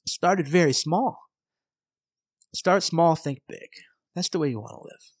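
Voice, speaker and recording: A middle-aged man gives a solo motivational talk on his podcast, fired-up and emphatic. His voice sits somewhat high for a man. The sound is dry, with no room echo. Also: measured pace. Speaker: podcast host.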